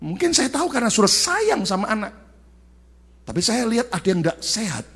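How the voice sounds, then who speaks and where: Husky animated male pastor preaching. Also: high voice, fairly quick. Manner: animated storytelling, acting out family scenes; emphatic, rising to shouts on key points. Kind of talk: sermon.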